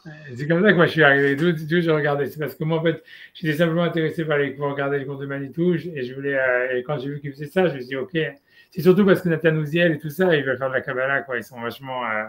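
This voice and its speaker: A man's voice: fairly high pitch, rapid-fire. A middle-aged man in casual chat, rambling with many restarts as he explains his study groups.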